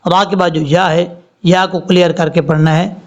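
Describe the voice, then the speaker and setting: High-voiced man teaching Quran recitation. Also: little pitch movement. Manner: explains pronunciation rules, then recites words slowly and drawn out. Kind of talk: tajweed lesson with slow recitation. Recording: slightly dull lo-fi audio.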